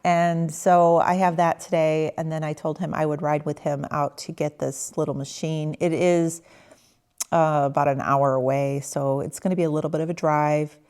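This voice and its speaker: A woman's voice: low voice, moderate pace, clear, resonant tone, no room sound, studio quality. A woman in her fifties, a health coach, chatting casually to her viewers while outdoors at home and on a walk. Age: 50s. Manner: chatty, relaxed, addressing viewers directly. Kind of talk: casual vlog chat. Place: outdoors at home, patio and walking route.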